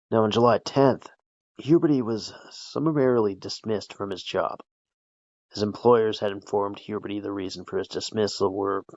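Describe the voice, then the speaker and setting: A low, gravelly-voiced man retelling a true-crime case on a podcast, casual and profane, checking in with listeners as he goes. The sound is dry and close, with a dull lo-fi tone. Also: no echo. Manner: loose, profane, conversational with frequent "right?" and "like". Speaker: podcast host.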